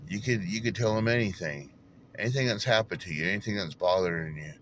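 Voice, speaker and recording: A man's voice: lowish voice, quick pace, slight background noise. A man, telling folksy stories and preaching in a casual devotional talk. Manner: folksy storytelling, laughs at himself, preachy asides.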